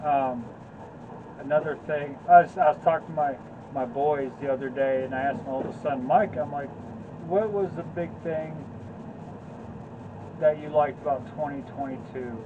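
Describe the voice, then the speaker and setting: A man's voice: on the high side, normal speed, narrow, tinny audio, background noise. A man co-hosting in a laid-back, joking, rambling way, chatting about his year. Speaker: co-host. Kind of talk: casual chat.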